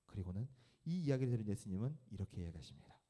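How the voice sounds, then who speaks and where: A man's voice: on the low side, very animated, racing, mellow. A man preaching to teenagers as a youth pastor, telling the story casually and speaking to the kids directly.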